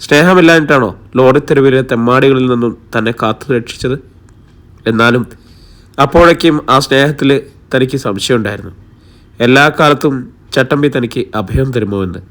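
Calm man narrating an audiobook. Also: medium pitch, a little fast. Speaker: storyteller.

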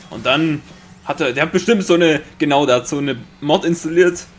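A young man with a Bavarian accent giving excitable Let's Play commentary, swearing often and making sound-effect noises. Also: on the high side, fairly quick, a little hiss or hum. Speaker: gaming commentator.

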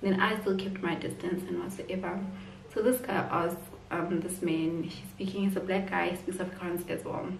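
A woman's voice: lowish voice, fairly even intonation, normal speed, vocal fry. A woman, telling a personal story to camera in a rambling way, full of "like" and "whatsoever". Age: 20s. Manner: rambling, filler-heavy retelling with "like" and "whatsoever". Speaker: vlogger. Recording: roomy, distant from the mic, faint background noise.

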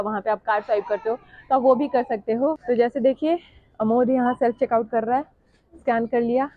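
Woman in her 30s vlogging in a big store, high voice, chatty, explaining stuff, dry lapel mic. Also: no echo, dull audio. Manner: chatty, explains prices to the camera. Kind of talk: casual vlog narration. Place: large supermarket, indoors.

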